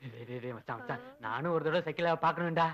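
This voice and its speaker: An actor playing a rowdy, teasing young man in a film comedy, loud and rapid-fire. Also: on the high side, highs cut off, crowd noise, close to an everyday voice.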